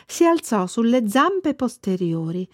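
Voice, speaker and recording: A woman narrating a children's storybook in an expressive, lively way. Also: fairly high pitch, a little slow, no echo, clean studio sound. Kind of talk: storybook reading.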